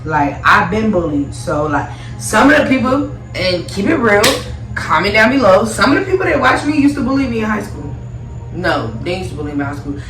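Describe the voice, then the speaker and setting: A woman's voice: mid-range voice, very animated, a little fast. A tipsy, giggly woman telling a rambling story in a casual, sassy and blunt way. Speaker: storytime vlogger. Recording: roomy echo, distant mic, loud music behind.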